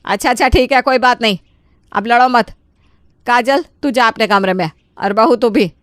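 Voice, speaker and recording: Middle-aged mother-in-law in a cartoon story, voiced by a woman, bossy, scolding, fairly high, dry studio sound. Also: very animated, normal speed, a bit bright, no echo. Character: middle-aged mother-in-law, easily swayed, sharp-tongued. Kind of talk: Hindi cartoon voice acting.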